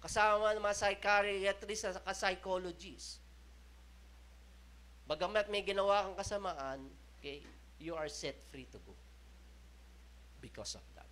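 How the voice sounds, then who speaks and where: Filipino pastor guy preaching slow and emphatic, high bright voice, keeps asking okay?. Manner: switches between Tagalog and English, frequent "okay?" checks; slow, emphatic preaching with rising and falling intensity. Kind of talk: sermon.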